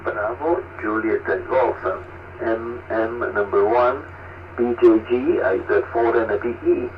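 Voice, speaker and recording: A man from Italy with an Italian accent, an amateur radio operator heard over a ham radio receiver, spelling out call signs slowly and ending his turns with "over". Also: mid-range voice, distant mic. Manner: slow, deliberate call-sign spelling, ends turns with "over". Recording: thin phone-like noisy radio transmission.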